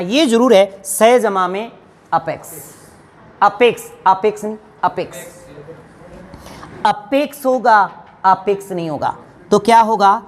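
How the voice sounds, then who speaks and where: A woman teacher giving a grammar lesson to exam students, asking questions and answering them herself. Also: medium pitch. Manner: addresses students fondly as children.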